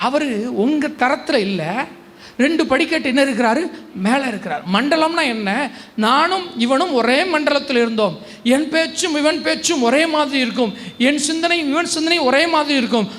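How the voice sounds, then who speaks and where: Very high-pitched pastor. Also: male voice, expressive, fairly bright tone. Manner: prompts the congregation to answer aloud, shifting between slow emphasis and rapid bursts. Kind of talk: call-and-response sermon.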